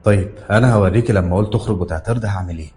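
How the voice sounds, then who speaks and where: A secretive, kindly doctor with an Egyptian accent, as a male narrator plays him speaks low and firm with quiet urgency. His voice is dark and mellow, and the pace stays quick, as in an audio horror story. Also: faint music behind, lightly acted. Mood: urgent firm.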